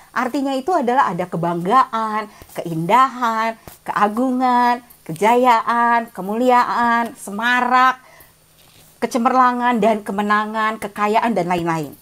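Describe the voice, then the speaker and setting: A woman's voice: a little high, unhurried, fairly bright tone. Woman, forties, guest speaker, casual sermon, chatty, laughs often, video call. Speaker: guest speaker at prayer meeting.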